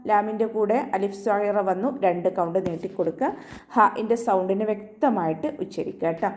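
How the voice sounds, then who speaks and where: A woman teaching Quran recitation in an online class, explaining each sound step by step with gentle reminders. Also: medium pitch, brisk, slight background noise. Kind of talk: online tajweed lesson.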